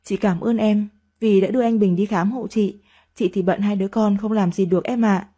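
A woman voicing a meek young wife and mother who speaks softly and politely. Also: mid-range voice, fairly even intonation, a little fast, husky, lightly acted. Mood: gentle. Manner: soft, polite and submissive.

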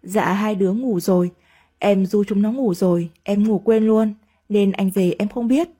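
A woman doing a meek, gentle young wife. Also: medium pitch, measured pace, slightly rough. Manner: soft, polite and submissive.

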